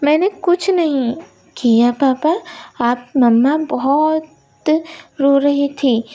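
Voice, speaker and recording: A sweet twelve-year-old girl played by a woman pleads in a high, childlike voice. Her tone stays soft and a little whiny. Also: slow pace, lo-fi sound. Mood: pleading.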